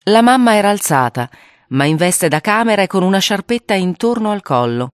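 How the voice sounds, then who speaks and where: A reader narrating a spooky children's story aloud in an expressive way, acting out the voices. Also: mid-range voice, brisk, clear, resonant tone, no echo, clean studio sound.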